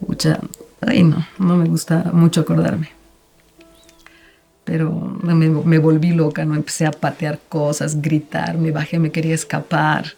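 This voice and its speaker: A woman recalling a painful memory in a documentary interview, talking in a subdued, halting way. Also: low-pitched, completely flat delivery, creaky, warm tone, husky, soft background music. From Bolivia. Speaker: interviewee, daughter.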